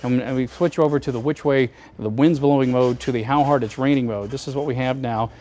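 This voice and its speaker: A man anchoring live severe weather coverage, explaining radar in a measured, serious way and urging caution. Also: medium pitch, steady tone, dark tone, slight background noise. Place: TV studio.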